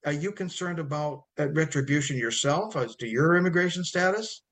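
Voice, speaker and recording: A man's voice: a little high, a little fast, fairly bright tone. A man hosting an interview, reading out reports in a conversational way and asking his guest questions. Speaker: host.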